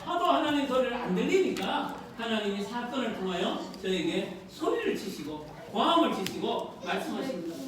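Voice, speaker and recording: A woman pastor preaching a sermon, earnestly asking her congregation questions. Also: fairly high pitch. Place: church sanctuary. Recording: echoey hall, distant mic, noisy.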